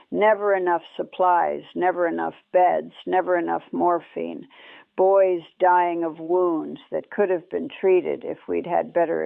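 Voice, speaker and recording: A woman telling her memories of nursing in a somber, measured way, heard through an old lo-fi recording. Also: lowish voice, vocal fry, no echo. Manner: somber, measured storytelling in short clauses. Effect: old lo-fi recording, tinny like archival radio. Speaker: former war nurse recounting memories. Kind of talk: first-person spoken memoir. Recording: tinny, dry old radio-style recording.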